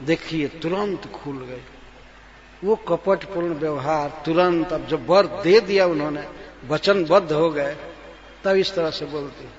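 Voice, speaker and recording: A man's voice: on the high side, a little slow, crowd noise. A male spiritual teacher giving a scripture discourse, chanting verses and then retelling them as a story. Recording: long reverb, dull lo-fi sound.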